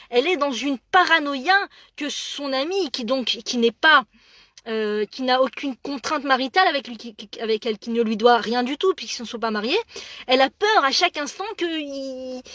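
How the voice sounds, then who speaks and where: Animated, high-voiced woman telling a story. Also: no room sound. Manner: animated, acts out dialogue, many repeated words. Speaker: religious speaker. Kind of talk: storytelling monologue.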